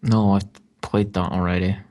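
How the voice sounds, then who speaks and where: A man's voice: sits low, level tone, moderate pace, a little mellow. A man chatting casually as a commentator on video game cutscenes. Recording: game music behind.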